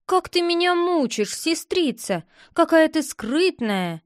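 A woman's voice: high-pitched, animated, measured pace, no room sound, studio quality. A woman doing an eager, pestering little boy. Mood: pleading. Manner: eager, wheedling, insistent. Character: curious pestering young boy.

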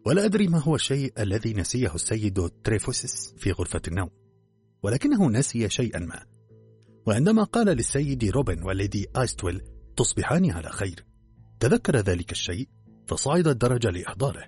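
A man voicing a shrewd detective who explains a murder slowly and reflectively, in a low, husky voice. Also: big pitch swings, a little mellow, soft background music, heavily acted. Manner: slow and reflective. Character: calm, shrewd male detective.

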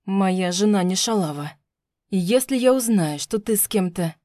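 A woman doing a controlling husband in a storybook reading, his voice pushed low and mellow. He coaxes smoothly, then turns cold and menacing, with a dry close sound. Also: expressive, normal speed, dry recording, lightly acted. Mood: coaxing, menacing. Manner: smooth, coaxing, then threatening through teeth. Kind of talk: audiobook narration.

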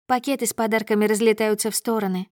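A woman's voice: mid-range voice, steady tone, fast talker, a little mellow, dry recording, clean studio sound. Woman narrating a dramatic audiobook. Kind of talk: first-person audiobook narration.

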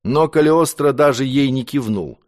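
A man narrating an audiobook with an expressive reading. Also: medium pitch, normal speed. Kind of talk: scripted narration.

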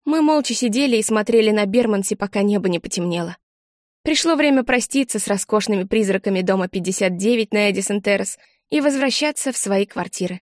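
A woman narrating a first-person story as an audiobook, measured and expressive. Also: medium pitch, no echo, clean studio sound. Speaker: audiobook reader.

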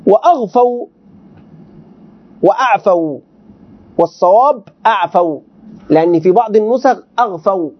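A sheikh lectures a class on a classical text. He stops often to explain words and put questions to his students. The recording sounds dull and lo-fi. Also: high-pitched. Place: teaching session with students present.

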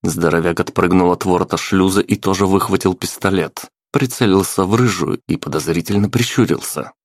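A man reading a dark first-person story in an even, measured way. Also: deep voice, no echo, studio quality. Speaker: audiobook narrator. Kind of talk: scripted first-person narration.

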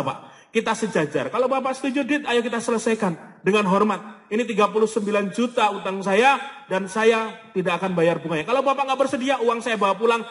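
A man's voice: high voice, fairly bright tone. A man giving a motivational sermon to an audience, telling stories animatedly and acting out the voices of the people in them. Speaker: motivational preacher. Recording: long hall reverb.

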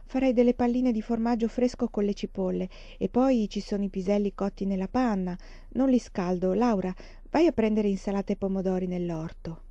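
A woman reading the lines of a practical, kind but firm prairie mother, in a brisk homely way. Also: medium pitch, dark tone, dry recording, close to an everyday voice. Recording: dull lo-fi dry recording.

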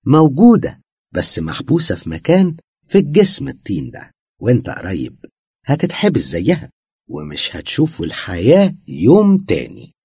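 A man voicing a woman possessed by a cruel jinn, taunting in a husky voice with an Egyptian accent. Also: mid-range voice, wildly swooping pitch, normal speed, a little mellow, no echo, clean studio sound, pitched above the performer's own voice, full character voice. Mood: mocking. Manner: taunting, sneering. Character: possessed woman, jinn speaking through her, mocking and cruel.

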